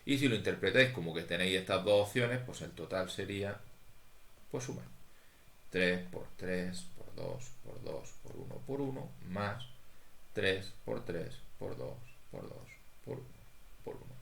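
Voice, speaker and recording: Deep-voiced man teaching math. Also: animated, unhurried, gravelly, a bit bright, roomy sound, a little hiss or hum. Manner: methodical, thinks aloud, talks to students. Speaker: statistics teacher. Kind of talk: recorded lecture walking through exercises.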